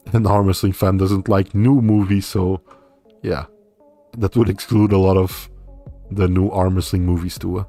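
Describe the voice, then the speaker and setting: A young man whose first language is Dutch hosts a casual livestream, reading viewer comments aloud and answering them in a relaxed, rambling way. His voice sits low and runs a little slow, with frequent pauses. Faint music plays behind him.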